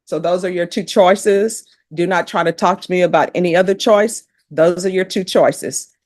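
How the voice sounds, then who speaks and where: A woman's voice: on the low side, moderate pace, darkish tone, no echo, studio quality. A woman judge, presiding over a court hearing in a firm, direct manner.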